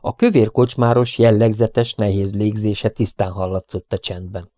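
Egy férfi, aki egy hangoskönyvet olvas fel kimért, egyenletes mesélő stílusban. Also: male voice, fairly low pitch, flat delivery, dark tone, no echo, studio quality. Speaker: audiobook narrator. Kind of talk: audiobook reading.

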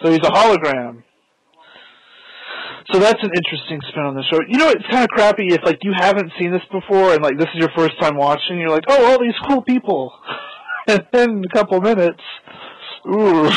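A man's voice: high voice, normal speed, long pauses, dry recording, low-quality recording. A man hosting a casual podcast, chatting about a show while watching it and laughing at his own jokes. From United States. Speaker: podcast host.

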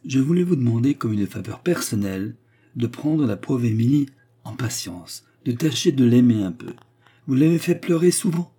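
A man voicing a gentle, earnest young woman who speaks softly and pleadingly. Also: mid-range voice, lively intonation, moderate pace, husky, pitched above the performer's own voice.

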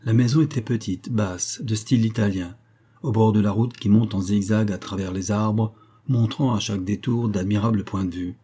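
A man narrating a classic novel as an audiobook in a measured, even reading. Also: fairly low pitch, slightly rough. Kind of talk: scripted narration.

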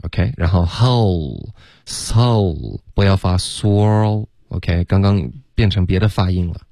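A man with a deep, low voice works as a pronunciation coach. He corrects sounds patiently and repeats them slowly as models. The recording is dry and close. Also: warm tone, no room sound. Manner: mixes English words into explanations.

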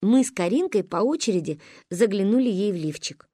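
A woman's voice: mid-range voice, animated, fairly quick, mellow, no echo, studio quality. A woman narrating a story as an audiobook, expressively.

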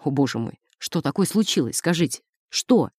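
A woman's voice: sits low, lively intonation, moderate pace, a little mellow, breathy edge, no room sound, studio quality. Woman doing a flustered, alarmed priest. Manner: stammering, frightened, then blustering. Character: flustered village priest, man, easily alarmed. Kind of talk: audiobook character voice.

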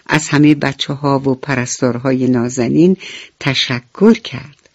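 A woman telling a bedtime story on radio, talking gently and addressing the children directly. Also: deep voice, dry recording. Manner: gentle, talks warmly to children. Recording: dull radio recording with faint music.

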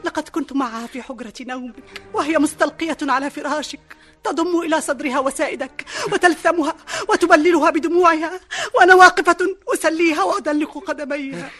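A sobbing loyal servant. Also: female voice, high voice, fast, a bit bright. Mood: lamenting. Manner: sobbing, lamenting narration. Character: grieving loyal woman servant of the queen. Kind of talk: classic Arabic radio drama acting.

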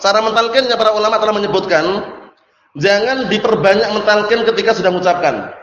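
A man's voice: high voice, fast talker, a bit bright. Man teaching religion in an echoey hall. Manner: asks the audience questions and answers them himself; repeats phrases and checks understanding. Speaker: Islamic teacher. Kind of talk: religious study lecture. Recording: echoey hall, dull lo-fi sound.

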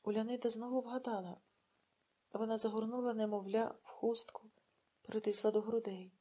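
A woman narrating a literary audiobook in a measured, dramatic storytelling manner. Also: fairly high pitch, flat delivery, dark tone, husky.

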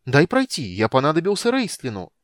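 A man voicing a small, cheerful, curious male kender in an audiobook, squeaky and chattery. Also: wildly swooping pitch, a little fast, no echo, clean studio sound. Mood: eager.

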